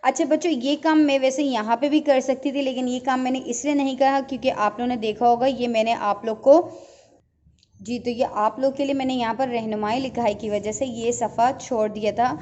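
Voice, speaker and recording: A woman teacher giving an online Urdu lesson to young children, explaining slowly and patiently and checking in often. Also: fairly high pitch, steady tone, darkish tone, lo-fi sound, slight background noise. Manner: patient, slow teacher talk with repeated checks.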